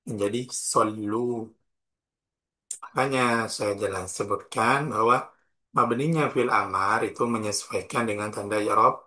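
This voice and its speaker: A man with an Indonesian accent teaching Arabic grammar in a classroom, slow and deliberate, spelling out each form and example. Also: fairly low pitch, pushed and bright. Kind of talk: classroom lesson explaining grammar.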